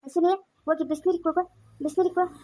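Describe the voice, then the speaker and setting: A woman with a rural Chikkaballapur Kannada accent playing a middle-aged village mother who reassures her daughter briskly. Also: extremely high pitch, flat delivery, dark tone. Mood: soothing. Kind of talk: village family drama.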